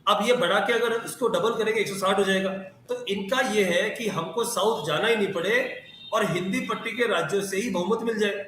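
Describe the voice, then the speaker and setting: A man speaking as a party spokesperson in a heated TV panel debate, insulting his opponent and shouting over others. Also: high voice, fairly quick. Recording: very echoey remote feed with faint noise.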